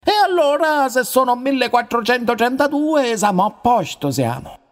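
A teasing talking confessional voiced by a man, an uncle figure. His pitch swoops all over, and he takes his time with every word, drawing out his jibes. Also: big pitch swings, full character voice. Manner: teasing, dialect-flavored, drawn-out. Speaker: actor.

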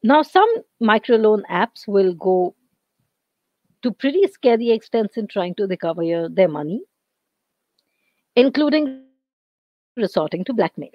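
Hoarse Indian woman lecturing online. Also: medium pitch, big pitch swings, measured pace, pauses often, no room sound, muffled recording. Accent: Indian English. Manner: clears throat often, explanatory. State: losing her voice.

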